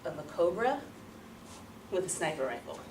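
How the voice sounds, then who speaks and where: A woman with a fairly low pitch gives a rehearsed, dramatic storytelling speech to an audience in a room. Theatrical and emphatic, with very lively intonation, she uses deliberate repetition and pauses. The distant microphone gives a roomy sound with light background noise.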